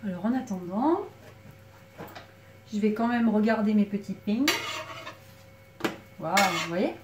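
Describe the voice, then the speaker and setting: A woman's voice: mid-range voice, slow pace. A woman giving a casual cooking demonstration in her small back kitchen, chatting to viewers as she works, with a slight frog in her throat. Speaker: home cook. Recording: echoey kitchen, mic far off, loud background noise. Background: clattering pans and utensils.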